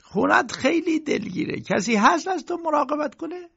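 A man voicing a hot-tempered middle-aged uncle who talks in a loud, demanding way in an audiobook, on a dull lo-fi recording. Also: extremely high pitch, animated, gravelly, pitched above the performer's own voice, heavily acted. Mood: brusque. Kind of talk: audiobook character voice.

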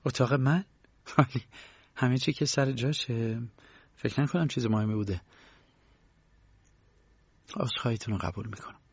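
A man's voice: mid-range voice, long pauses, breathy edge, dry recording, highs cut off. A man reading an audiobook, voicing a tired young woman lodger in a raised, tense voice. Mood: startled, weary.

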